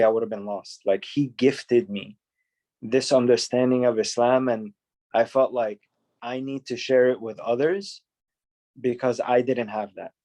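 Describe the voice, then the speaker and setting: A man's voice: mid-range voice, a little mellow. A man teaching a class on a video call, earnest and encouraging, often repeating words.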